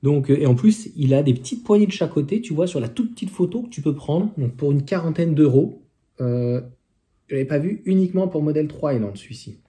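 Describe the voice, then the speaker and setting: A man's voice: a little high, lively intonation, a little fast, mellow. A man reviewing car accessories in a casual, chatty way, with many fillers and restarts. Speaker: electric car vlogger.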